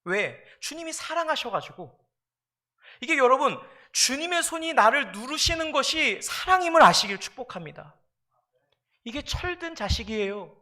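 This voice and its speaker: A male pastor delivering a sermon in a very high voice. His tone is sharp and forceful, and he leans on repeated phrases. He speaks to the congregation directly and emphatically. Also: sing-song, moderate pace.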